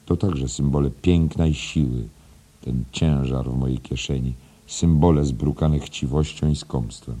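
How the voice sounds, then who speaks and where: Very deep, dark-voiced male narrator. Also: steady tone, unhurried. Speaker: audiobook narrator. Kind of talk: scripted literary narration.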